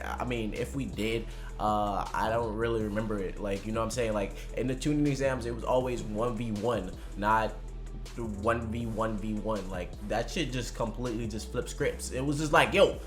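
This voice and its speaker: Higher-pitched man in slangy casual preview commentary. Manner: slangy, swears freely, conversational. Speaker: anime commentary vlogger.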